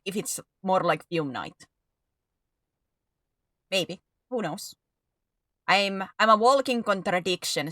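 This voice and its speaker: A woman with a Finnish accent who rolls her R's, chatting in an animated, rambling, self-deprecating way while commentating her gameplay. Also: fairly low pitch, dry recording. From Finland. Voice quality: rolled R's. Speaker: video game streamer. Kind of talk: casual gameplay commentary to viewers.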